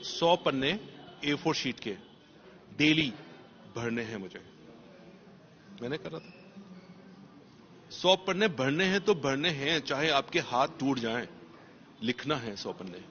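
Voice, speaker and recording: A man's voice: mid-range voice, animated, slow, long pauses, fairly bright tone, dull audio, a little hiss or hum. A man, a police officer, answering interview questions in an emphatic motivational way and repeating key phrases for stress.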